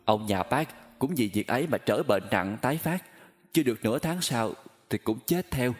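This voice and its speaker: A man's voice: medium pitch, animated, normal speed, natural voice. A man voicing a grieving elderly woman who speaks through tears, in a storybook reading. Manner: wailing, tearful speech.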